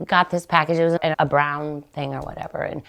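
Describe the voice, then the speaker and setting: Chatty woman with gravelly low voice. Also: a little fast. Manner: chatty, rambling storyteller with animated jumps in pitch. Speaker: podcast host. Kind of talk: casual chat.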